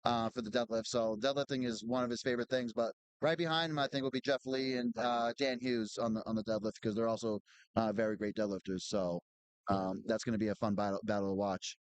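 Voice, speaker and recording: A man's voice: lowish voice, fairly even intonation, brisk, clear, resonant tone, no room sound, low-quality recording. Chatty male strongman commentator. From Boston area. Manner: chatty, knowledgeable, many restarts. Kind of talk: live event commentary.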